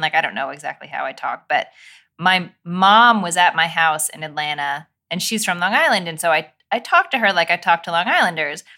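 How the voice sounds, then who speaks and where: A woman co-hosting a podcast, reading a scripted intro and then chatting playfully, quick to laugh. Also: fairly low pitch, pushed and bright. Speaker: podcast co-host.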